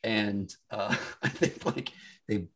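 A man's voice: lowish voice, slow pace, fairly bright tone. A man chatting casually on a podcast as the guest, joking and self-deprecating. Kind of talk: casual chat.

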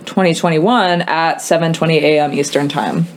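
A woman's voice: deep voice, steady tone, moderate pace, slight background noise. Chatty, giggly young woman co-host. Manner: chatty, giggly, rambling with lots of "like". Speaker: podcast co-host. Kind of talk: casual chat.

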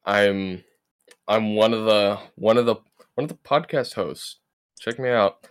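A man's voice: lowish voice, measured pace, smooth. Stammering, joking young man. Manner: stammering, joking, repeats words. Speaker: podcast co-host. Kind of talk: casual podcast chat.

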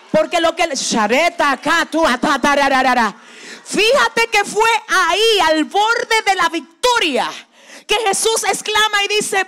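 A woman pastor preaching a fervent sermon, moving between shouted exhortations and hushed, intimate passages, and leading her congregation in call-and-response. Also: sits high.

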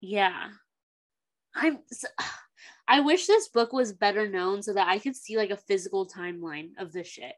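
A woman's voice: mid-range voice, lively intonation, a little slow. A woman co-hosting a casual book podcast, talking bluntly with lots of slang and emphatic asides.

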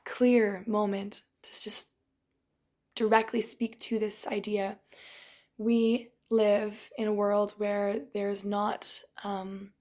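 Taking it slowly, a young woman gives a casual, reflective monologue with a flat, even pitch. She sounds tired and hoarse from shouting, often halting, restarting and clearing her throat between thoughts.

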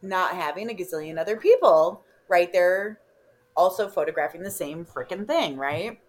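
A woman with a Chicago accent telling a story in casual chat, animated, laughing often and swearing freely. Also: lowish voice, normal speed. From Illinois. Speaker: podcast guest.

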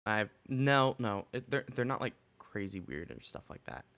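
A man's voice: on the low side, lively intonation, moderate pace, fairly bright tone. A man co-hosting a podcast, chatting casually and rambling with many restarts, with the hiccups. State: has the hiccups. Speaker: podcast co-host. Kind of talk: casual chat.

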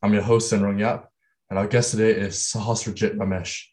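A man's voice: lowish voice, little pitch movement, fairly quick, a little mellow. A man hosting a podcast, reading a formal guest introduction and then asking brief questions. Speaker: podcast host. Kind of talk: podcast interview.

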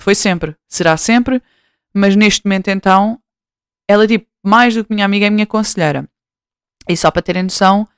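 A young woman hosts her own talk show in a European Portuguese accent. She rambles casually, full of slang, fillers and self-corrections. Her voice is smooth and clear, in a dry, close-sounding recording, pitched in an ordinary middle range. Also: dry recording. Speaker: podcast host.

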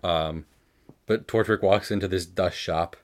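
A very deep-voiced man chatting casually as co-host of a recap show. He talks loosely, swears freely and drops into quick quoted voices as he retells scenes. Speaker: podcast co-host.

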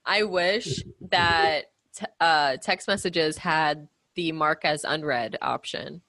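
A woman's voice: low voice, slow, bright, forceful tone, dry recording. A young woman co-hosting a podcast in casual chat, easygoing and laughing along, with hesitant restarts. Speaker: podcast co-host.

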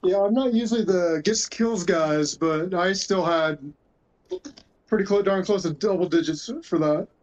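A woman's voice: lowish voice, measured pace, darkish tone. A woman who plays airsoft, chatting casually on a podcast and telling stories in a self-deprecating way. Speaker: airsoft player. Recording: dull lo-fi audio.

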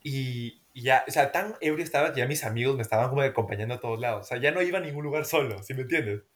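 A young man with a Peruvian Spanish accent, casually telling a party story on a podcast and acting out the dialogue in an animated, slangy way. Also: mid-range voice, quick pace. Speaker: podcast co-host.

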